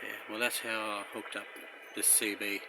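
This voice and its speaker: The speaker is an Australian man vlogging a DIY car radio installation, his plain, casual talk wandering as he works in and around a car under a carport. His lowish voice barely shifts in pitch and keeps a normal speed, and the handheld recording has lots of noise.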